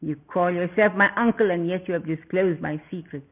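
A man's voice: sits high, normal speed. A man voicing a furious, arrogant young demon prince who snarls his accusations, heard through tinny, phone-like audio.

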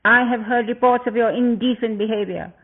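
A harsh, accusing washerman, scolding his wife in a high, raised voice, as a storyteller puts him on. The sound is thin and tinny, like a phone line. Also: fairly even intonation, a little fast. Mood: stern scolding.

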